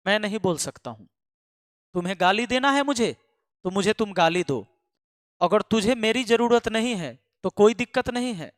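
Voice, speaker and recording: Emphatic high-voiced man scolding students. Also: fairly bright tone, no echo, clean studio sound, long reverb tail. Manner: emphatic and scolding, repeating lines for force. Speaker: online exam-prep math teacher. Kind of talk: impassioned address to students.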